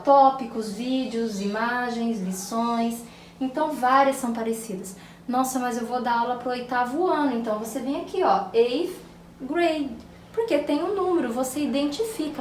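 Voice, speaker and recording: A Brazilian woman with a somewhat high voice teaches English reading, patiently saying each word and its translation. Her voice rings in an echoey room. Faint noise hums behind her. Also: darkish tone, recorded from a distance. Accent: Brazilian Portuguese. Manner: explains patiently, reads word pairs aloud. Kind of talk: recorded online lesson.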